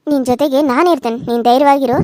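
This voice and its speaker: A woman's voice: high-pitched, fairly even intonation, rapid-fire, darkish tone, no room sound, clean studio sound, voice pushed down, lightly acted. A woman voicing a caring older village woman in a cartoon serial, who consoles and lectures firmly. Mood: consoling.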